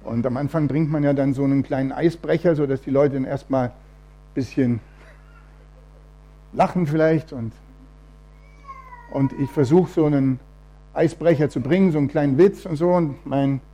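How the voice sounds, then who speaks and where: A man's voice: fairly high pitch, normal speed, long pauses, dark tone. A man giving a testimony sermon in church, telling his story with quoted voices acted out and reading a Bible passage aloud.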